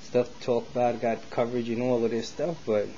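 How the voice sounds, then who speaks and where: A brisk, warm-toned American man with a mid-range voice and flat delivery rambles through a casual vlog of opinions. His speech is colloquial and slangy, and he repeats himself as he circles back. The sound is dull and lo-fi, carrying faint noise.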